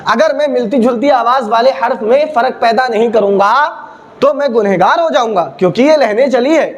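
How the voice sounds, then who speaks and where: Here a man teaches Quran recitation in a very high voice, speaking a little fast over a noisy background. It's a classroom-style video where he drills letter sounds call-and-response fashion, posing his own questions and supplying the answers.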